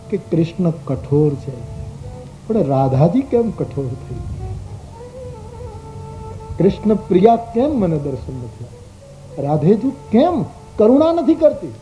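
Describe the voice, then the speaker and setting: Brief: man, devotional storyteller, expressive, slightly high-pitched, dull lo-fi live tape with faint music. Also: unhurried, long pauses. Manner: expressive, acts out the characters' voices. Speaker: religious storyteller. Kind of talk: devotional story sermon with sung verses.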